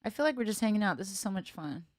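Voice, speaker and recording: A woman's voice: medium pitch, lively intonation, rapid-fire, no echo, clean studio sound. A woman musician chatting casually with viewers on a live stream, thinking aloud, laughing often and joking at her own expense.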